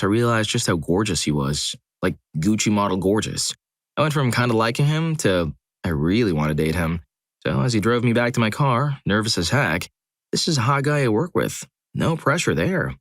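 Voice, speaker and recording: Male narrator, lowish voice, expressive first-person storytelling from a script, very dry recording. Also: no echo.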